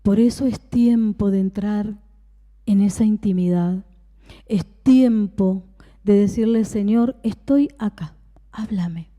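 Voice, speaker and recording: A woman's voice: mid-range voice, steady tone, slow, dark tone. Woman pastor preaching in a reverberant hall. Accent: Rioplatense Spanish. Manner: preaching with emphatic repetition, dropping to a whisper at times. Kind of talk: sermon. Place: church.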